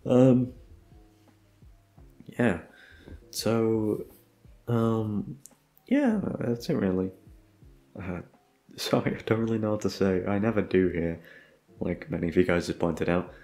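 A young man who makes audio roleplays talks casually and unscripted to his listeners, rambling, hesitant, and swearing now and then. His voice is on the low side with a dark tone, animated yet slow, and full of pauses.

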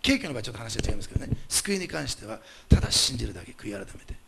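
A male pastor delivering a sermon, emphatic and animated, putting rhetorical questions to the congregation. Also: medium pitch, very fast, vocal fry, very noisy.

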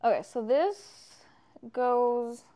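A woman streamer chatting casually with her viewers while building something, swearing freely and reacting out loud. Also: a little high, lively intonation, very slow. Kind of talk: casual livestream chat.

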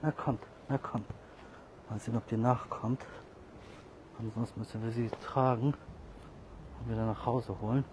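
A man walking outdoors with a group of cats, talking to them casually, scolding and coaxing, sometimes calling out loudly. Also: mid-range voice, fairly even intonation, normal speed, pauses often. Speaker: cat caretaker vlogger. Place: outdoors on a street walk. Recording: faint outdoor noise.

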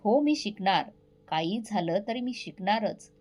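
A woman voicing a timid young married woman who speaks haltingly and softly. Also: mid-range voice, lively intonation. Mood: determined. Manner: halting, stammering, soft.

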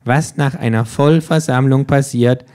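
Here the kangaroo is a man's mid-range, darker voice, raised a bit yet close to how he normally talks, moving a little slowly. He reads the rules audiobook-style, a cheeky, sardonic creature lecturing everyone with smug derision.

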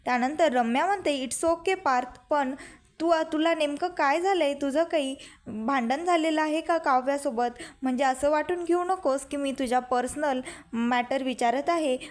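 A young woman retells a television serial episode, stepping through each scene and quoting the characters one after another. Her voice sits high and bright. She keeps up a steady storytelling flow. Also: normal speed. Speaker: narrator recapping a TV serial. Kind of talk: storytelling recap with quoted dialogue.

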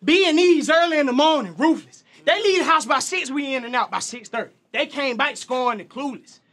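A man with a Southern US country accent performing aggressive battle rap, shouting his bars at a live event. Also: very high-pitched, lively intonation, brisk. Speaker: battle rapper.

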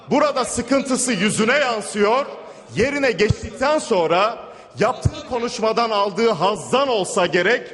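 High-voiced man orating at a rostrum microphone. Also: a bit bright. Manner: emphatic, repetitive oratory. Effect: speaking at a rostrum microphone. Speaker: member of parliament. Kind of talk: formal parliamentary speech. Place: large parliament chamber. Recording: long hall reverb.

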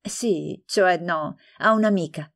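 A woman voicing a gentle, lonely young woman who answers softly and patiently in a storybook reading. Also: lowish voice, slow.

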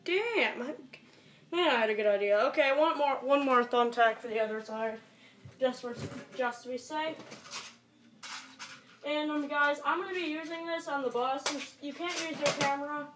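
A young teen amateur video maker's voice sits high and a bit bright at normal speed as he rambles casually through an improvised tutorial vlog, muttering and swearing. It's an echoey, noisy home recording made on a camera mic in a small bedroom.

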